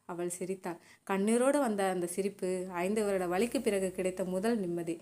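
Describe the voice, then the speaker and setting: Woman, storyteller, scripted narration, soft and gentle, steady reading, mid pitch. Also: moderate pace.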